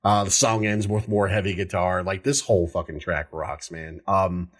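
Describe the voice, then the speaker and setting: A man co-hosting a casual album review podcast, talking excitedly with swearing and repeated words. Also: low-pitched, moderate pace, slight background noise. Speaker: podcast co-host.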